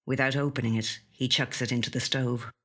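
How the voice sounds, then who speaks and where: An actor with a slightly husky, breathy voice reads a literary short story in a measured, hushed way. The scripted narration sits at medium pitch with a flat delivery.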